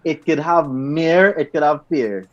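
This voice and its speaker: A man's voice: on the high side, normal speed. A man with a Trinidadian accent chatting casually, interjecting with short agreeing replies. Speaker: podcast co-host. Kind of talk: casual chat. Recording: dull lo-fi sound.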